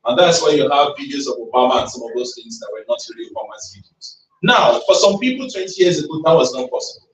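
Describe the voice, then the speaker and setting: A man speaks fast and with few pauses, his slightly high voice full of lively intonation. At a tech event, he delivers an emphatic, rallying motivational talk, prompting the audience with call-and-response questions. The sound is distant, captured in a roomy event hall.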